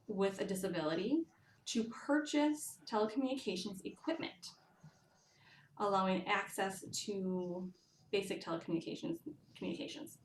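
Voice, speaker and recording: A woman giving a live interpreter voice, speaking in first person for a deaf program administrator on a recorded call, with an uneven pace and frequent restarts. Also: medium pitch. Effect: live interpreter voice, speaking for another person in first person. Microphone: call audio. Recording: roomy, distant call audio with faint background noise.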